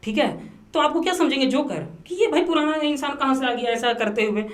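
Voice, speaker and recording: A man talking as a podcast guest, telling a story in a lively, repetitive way and dropping English words into his speech. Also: extremely high pitch, brisk. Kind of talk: casual storytelling interview. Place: podcast studio.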